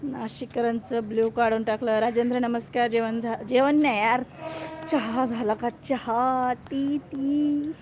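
A woman's voice: fairly high pitch, little pitch movement, moderate pace, a little mellow, a little hiss or hum. A woman hosting a live stream in casual chat, greeting viewers by name and teasing them playfully. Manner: playful, jokes about herself.

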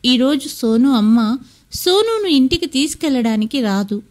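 A woman voicing a calm, helpful adult male neighbour in a storybook tale, explaining plainly. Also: sits high, normal speed.

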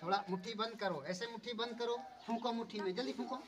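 A man performing as a street magician and snake showman, loudly coaxing the onlookers, giving orders and calling for claps. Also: extremely high pitch, quick pace. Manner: loud, coaxing showman who keeps ordering the crowd to clap. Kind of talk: street show patter. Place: village street, outdoors. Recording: far from the mic, loud crowd around. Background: loud crowd of onlookers.

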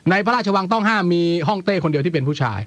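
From a dry radio studio, a male host races through phone-in chat and letter reading, keeping it informal with wry asides. His voice sits high and has lively intonation. There is background noise.

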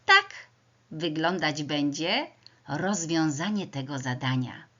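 A woman teacher giving a first-grade reading lesson, slowly sounding out words letter by letter for young children. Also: low-pitched, very animated, bright, forceful tone. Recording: dull lo-fi sound.

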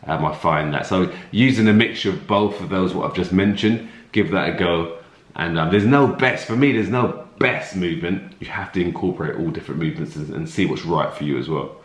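A man in his thirties with a low voice chats casually through viewer questions, relaxed and full of fillers and restarts. The sound is roomy, with echo from the home room around him, and he is picked up by a camera sitting in front of him. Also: a little fast. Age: 30s. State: slightly runny nose. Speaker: fitness coach answering viewer questions. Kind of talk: casual Q&A vlog. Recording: echoey room.

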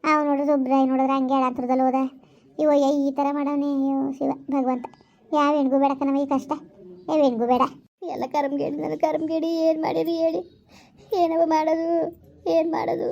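A woman's voice: high-pitched, little pitch movement, brisk, vocal fry, a little mellow. A woman acting a grieving village wife who laments her fate through tears. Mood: tearful lament. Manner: wailing laments, tearful. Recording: dull lo-fi sound.

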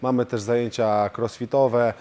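A professional fighter and coach answers interview questions steadily in a martial arts gym, often hesitating with fillers. His voice is medium-pitched and he talks at a normal speed.

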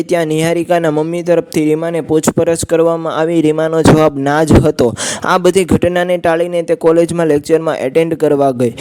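Smooth-voiced male storyteller, even delivery. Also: a little high. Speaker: narrator. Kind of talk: scripted storybook narration.

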